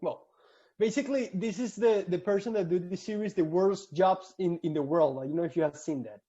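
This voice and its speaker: A man's voice: high voice, fairly quick, warm tone, breathy edge. A man in his thirties from Venezuela with a Venezuelan Spanish accent, giving an earnest slide talk over a video call with frequent restarts. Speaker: alumni speaker. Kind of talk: casual slide presentation. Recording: dull lo-fi call audio.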